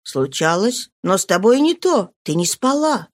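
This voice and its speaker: A woman voicing a lively young woman who coaxes and teases a friend in an audiobook. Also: mid-range voice, measured pace. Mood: coaxing. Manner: coaxing and teasing. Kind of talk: audiobook reading.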